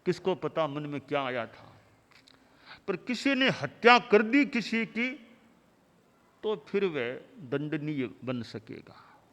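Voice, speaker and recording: A man delivering a sermon as a spiritual teacher, in measured, rhythmic lists of short phrases. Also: fairly high pitch, very animated, a bit bright. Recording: long hall reverb.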